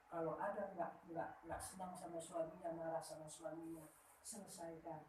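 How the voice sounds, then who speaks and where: A woman giving lively, teasing marriage advice at a wedding ceremony, checking in with the couple with a constant "ya?". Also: sits low, moderate pace. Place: marriage hall. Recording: very echoey hall, far from the mic, faint noise.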